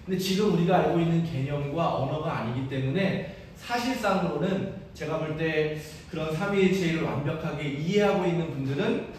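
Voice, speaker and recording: A man's voice: a little high, moderate pace, few pauses, darkish tone, distant mic, slight background noise. A male priest giving an earnest, personal sermon in a church, with self-deprecating asides. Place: large church sanctuary. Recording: echoey church hall from afar.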